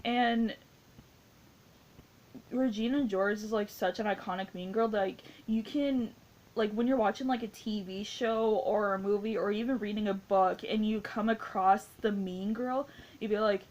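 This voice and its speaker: A woman's voice: medium pitch, steady tone, measured pace, a little mellow. Gushing young woman rambling about a film. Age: 20s. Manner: rambling, gushing, heavy use of "like". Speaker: movie reviewer. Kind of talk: casual spoken movie review.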